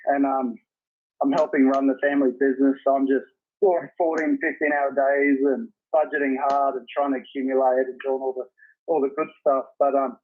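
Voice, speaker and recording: A man's voice: medium pitch, little pitch movement, brisk, slight background noise. A man from Australia with an Australian accent, calling into a live show over a phone on speakerphone, chatty and appreciative. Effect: heard over a phone on speakerphone. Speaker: caller. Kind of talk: casual call-in chat. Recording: tinny phone line on speakerphone.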